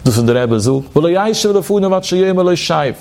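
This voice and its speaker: A man's voice: sits high, expressive, quick pace, gravelly, a little mellow. A man teaching a religious legal text in a lecture, quoting short Hebrew phrases and then explaining each one in his own words.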